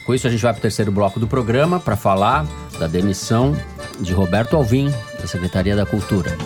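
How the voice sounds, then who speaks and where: A man hosting a political discussion podcast, recapping events and posing questions to the panel in a measured way. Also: fairly low pitch, animated, music in the background. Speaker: podcast host. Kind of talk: political talk show moderation.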